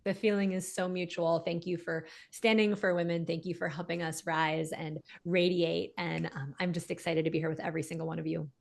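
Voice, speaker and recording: Creaky, slightly low-voiced woman guest. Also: flat delivery, fairly quick, few pauses. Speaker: interview guest, business coach for women. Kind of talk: reflective conversational interview answers.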